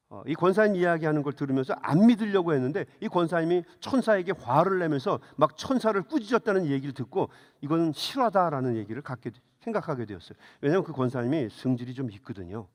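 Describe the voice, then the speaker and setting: Man, pastor, sermon, high animated voice, long church reverb. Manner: storytelling, rising to fervent exhortation. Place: church sanctuary.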